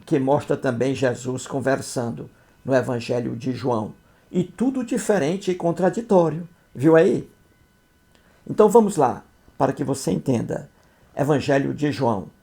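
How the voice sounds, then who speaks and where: A man's voice: on the high side, vocal fry, a little mellow. A man giving critical commentary on scripture, explaining it in a didactic, scornful way and often checking that listeners follow. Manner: didactic, repeats points, asks "entendeu?"; scornful, mocking. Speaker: video commentator.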